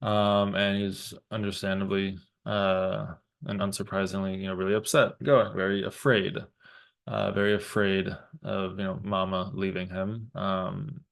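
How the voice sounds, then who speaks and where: A man in his thirties talking thoughtfully about parenting, pausing often and restarting his sentences. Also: sits low, flat delivery, vocal fry. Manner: thoughtful, halting, many fillers and restarts. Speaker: parent vlogger. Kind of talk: reflective personal talk.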